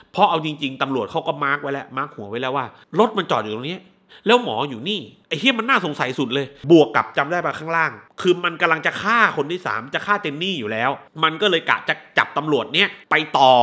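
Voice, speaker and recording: A man recaps a movie in a casual, crude way, swearing freely. His bright voice is pitched a bit high and swings widely, which keeps the telling animated.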